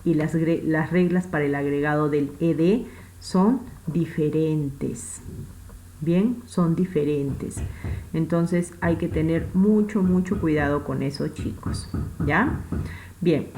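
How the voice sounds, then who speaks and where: A woman with a Peruvian Spanish accent gives a recorded English lesson, speaking in a low voice at an unhurried pace. She repeats each point with patience and often checks that her students are following. A faint noise runs under the recording. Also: warm tone, rough recording. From Peru. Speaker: English teacher. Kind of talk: recorded online class.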